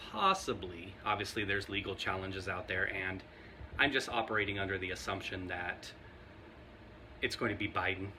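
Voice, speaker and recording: A man's voice: sits low, bright, forceful tone, a little hiss or hum. A man vlogging casual commentary to camera, talking in a rambling, conversational way and often laughing.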